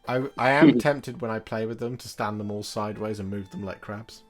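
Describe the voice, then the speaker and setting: A man with a low voice, talking in an easygoing, chatty way as he hosts a casual conversation about his hobby. He is self-deprecating and unhurried, and faint music plays underneath.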